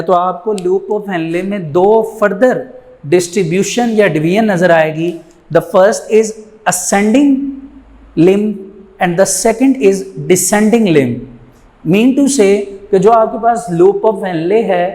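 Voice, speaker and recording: A man teaching a biology lecture over a diagram. He slips English terms into his Urdu and repeats each key term slowly. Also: high-pitched, darkish tone.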